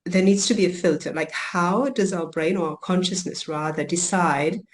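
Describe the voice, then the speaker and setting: Woman from germany, fairly low voice, thinks aloud with lots of ums, podcast guest. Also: darkish tone. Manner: reflective, many ums and restarts. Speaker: coach and healer guest. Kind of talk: podcast interview.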